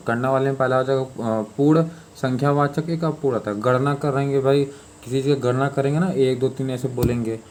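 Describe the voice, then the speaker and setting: A man teaches a grammar lesson for exam students at a mid pitch, explaining informally and repeating himself. He keeps checking in with his listeners and fills his pauses. A faint noise sits under the recording. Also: darkish tone. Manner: informal, repetitive explaining with many fillers and "ठीक है".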